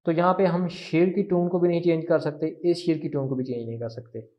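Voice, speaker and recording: A man teaching a language lesson, patient and repeating each phrase slowly for practice. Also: on the high side, steady tone. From Pakistan. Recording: muffled lo-fi recording.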